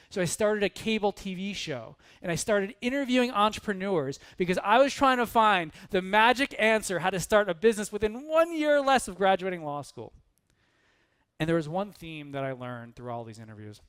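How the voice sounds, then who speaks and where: Guy giving a motivational talk onstage, high voice that swoops up and down a lot, dramatic storyteller acting stuff out. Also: clean tone. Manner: animated, dramatic, acts out scenes. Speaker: keynote speaker. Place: stage before an audience.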